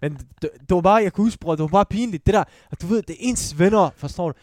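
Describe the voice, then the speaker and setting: A man's voice: sits high, darkish tone, dry recording, clean studio sound. Rambling man in his twenties. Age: 20s. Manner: rambling, keeps checking in with the listener. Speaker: podcast co-host. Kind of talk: casual chat.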